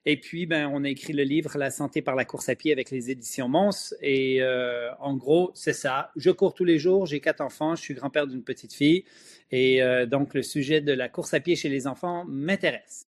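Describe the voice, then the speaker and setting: A middle-aged or older man, born in Switzerland and moved to Quebec at ten, speaks with a Quebec French accent as an expert interview guest. He explains things emphatically and opinionatedly at a moderate pace, his voice medium in pitch.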